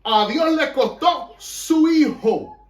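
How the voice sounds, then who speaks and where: Here the pastor has a very high, expressive voice and preaches slowly but fervently, moving between Spanish and English with a Puerto Rican accent. His congregation hears him in an echoey room, captured by a far-off mic.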